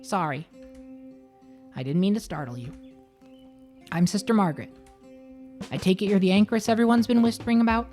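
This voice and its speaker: A woman voicing a stoic, quietly mischievous nun who speaks in a soft, deadpan way. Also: medium pitch, fairly quick, long pauses, soft background music, natural voice.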